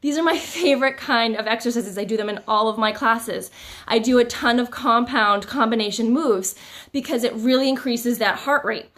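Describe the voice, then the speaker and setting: Heard from afar in an echoey space, a female instructor runs a live-streamed workout. Her fairly high, slightly bright voice stays upbeat as she chats with viewers, a little winded.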